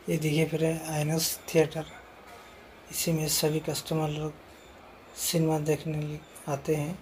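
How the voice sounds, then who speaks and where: Giving a repetitive, casual phone-filmed tour in and around a large shopping mall, a man keeps calling his viewers friends. His voice is a little high and a little mellow, completely flat, at a measured pace. A faint hiss or hum sits in the recording.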